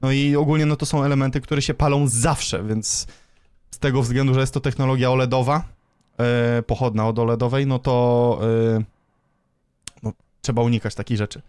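A man's voice: medium pitch, fairly even intonation, moderate pace, a little mellow, smooth, no room sound, clean studio sound. A man hosting a podcast, talking casually about tech in a conversational way. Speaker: podcast host.

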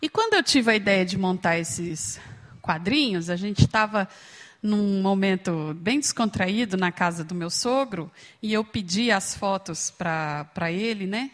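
A woman's voice: mid-range voice, animated, unhurried. A woman from Brazil giving a humorous, storytelling sermon, playfully acting out the voices of the people she quotes. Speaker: speaker at a church gathering. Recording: long hall reverb.

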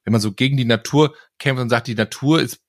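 A middle-aged man chatting casually, voice sitting at an ordinary pitch and sounding dry and close. He rambles, stumbles over his words and restarts often, then picks up with animated asides. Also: quick pace, no echo. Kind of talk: casual chat.

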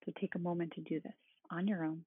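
A meditation guide speaking in a calm, meditative tone with a husky, creaky voice. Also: mid-range voice, fast. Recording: roomy, phone-like thin sound.

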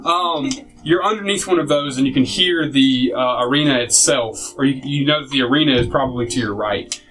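A man's voice: mid-range voice, brisk, fairly bright tone, poor audio. A man narrating a tabletop game as game master, casual and rambling, with many fillers and small laughs.

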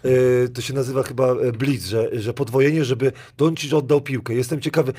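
A man's voice: medium pitch, steady tone, a little fast, dark tone, breathy edge. Middle-aged man, casual basketball pundit, rambling and self-correcting. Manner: rambling, restarts, laughs often. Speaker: basketball pundit and youth coach. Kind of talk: casual sports chat.

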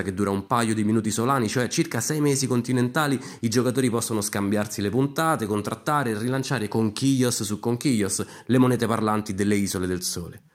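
A man narrating a comic fantasy story, with brisk, irreverent asides. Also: mid-range voice.

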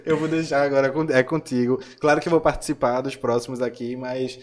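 A man's voice: medium pitch, fairly even intonation, fairly quick. A man co-hosting a podcast in casual chat, teasing and laughing often. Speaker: podcast host.

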